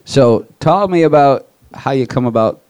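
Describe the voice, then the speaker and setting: A man's voice: mid-range voice, expressive, moderate pace, a little mellow, clear, resonant tone. A man hosting an interview, chatty and encouraging. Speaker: host. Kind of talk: casual interview chat.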